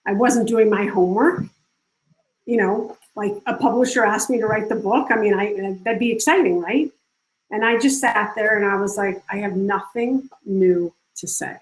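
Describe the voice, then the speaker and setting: A woman leading a live online workshop, talking casually and coaching with lots of restarts. Her voice sits at a middle pitch and carries a roomy echo from the video call. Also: normal speed. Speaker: workshop speaker.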